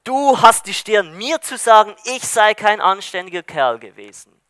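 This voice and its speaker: A man's voice: fairly high pitch, animated, normal speed, fairly bright tone, no room sound. A man reading the lines of a proud, bitter dead man who scorns mercy, indignant and scornful. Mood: defiant.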